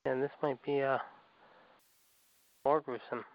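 A man's voice: mid-range voice, level tone, takes it slowly, a crowd in the background. A man co-hosting a casual podcast, answering with short reactive comments. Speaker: co-host. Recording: dry lo-fi sound.

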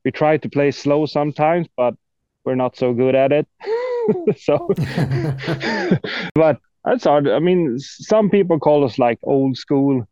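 Here the Swedish-accented death metal guitarist from Sweden is expressive and warm, his voice on the high side, taking his time with long pauses. He chats casually and hesitantly as an interview guest, with a self-deprecating streak. The sound is lo-fi with no echo.

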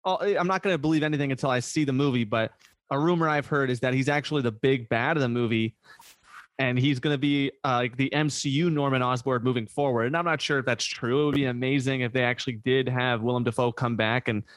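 A man hosting a casual podcast chat, excitable, swearing casually and laughing often. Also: mid-range voice, fast, no echo. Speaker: podcast host.

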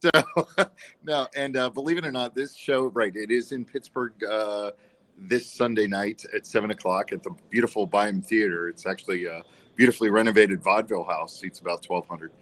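A man's voice: on the low side, moderate pace, fairly bright tone, low-quality recording. A man, a singer, guesting on a radio show and telling stories about his career with light jokes. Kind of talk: casual interview.

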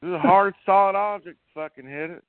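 Male co-host, fairly high voice, profane storyteller, dry tinny line. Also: sing-song, fast, vocal fry, no echo. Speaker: podcast co-host. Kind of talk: casual chat.

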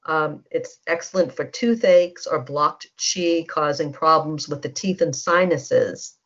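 Over a dull lo-fi teleconference line, a mid-range voice with a fairly bright tone and a measured pace leads a guided energy-healing session. The facilitator speaks soothingly and prompts listeners to repeat statements.

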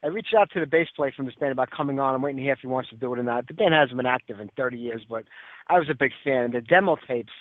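A man with a thick Brooklyn accent hosts a music radio show in casual chat, rushing through his words. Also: mid-range voice, no room sound. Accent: heavy Brooklyn New York. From Brooklyn, New York. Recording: thin phone-like radio audio.

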